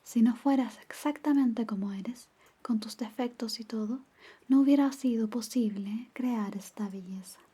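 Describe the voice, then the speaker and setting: A woman playing a caring girlfriend in an ASMR whispered role-play, softly and intimately reading bedtime stories in a breathy whisper. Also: a little high. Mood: tender, soothing. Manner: soft, intimate, slow storytelling.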